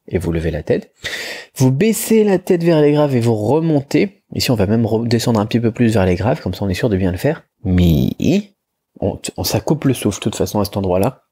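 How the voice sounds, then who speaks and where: A man's voice: fairly low pitch, animated, fairly quick, dark tone, husky. A man teaching pronunciation in a chatty video lesson, with lots of fillers and restarts, demonstrating tones by moving his head. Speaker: Chinese language teacher.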